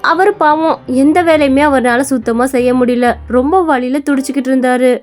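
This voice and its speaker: A woman narrating a cartoon story in a plain, brisk storytelling manner. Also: sits high, steady tone, soft background music.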